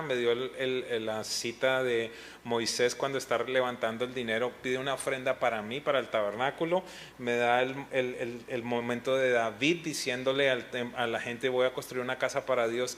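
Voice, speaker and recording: In this pastors' panel talk, a middle-aged man who is a pastor offers a heartfelt testimony, occasionally reliving moments when tears came. His mid-range voice is steady and a bit bright, at a moderate pace, with slight background noise.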